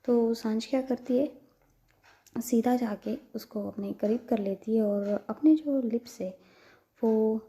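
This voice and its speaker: A woman's voice: fairly high pitch, slow pace, warm tone. A woman narrating a love story in a casual, chatty way, with frequent fillers and self-corrections.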